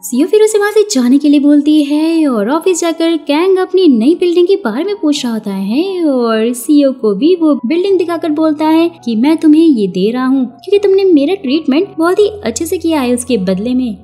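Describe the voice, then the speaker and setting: A woman's voice: high voice, lively intonation, moderate pace, few pauses, mellow, faint music behind. A woman narrating a drama recap in a chatty, casual way, talking to viewers as friends.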